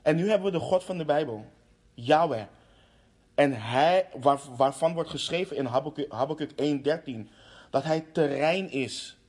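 A man's voice: on the high side, moderate pace, a little mellow. Impassioned man preaching a sermon. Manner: impassioned, with hesitant restarts and fillers.

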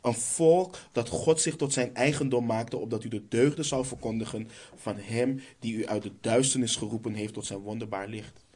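Guy preaching, reads scripture then answers his own questions, medium pitch. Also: moderate pace, a little mellow. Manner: reads Bible verses aloud, then asks and answers rhetorical questions. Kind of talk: sermon.

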